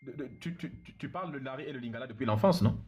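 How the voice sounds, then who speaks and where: A man's voice: medium pitch, lively intonation, very fast, highs cut off, background noise. A man hosting a live interview, asking probing, stammering questions. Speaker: host.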